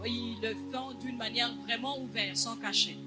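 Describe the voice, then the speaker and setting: A man interpreting a church testimony live, halting with frequent hesitations. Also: extremely high pitch, steady tone, music in the background.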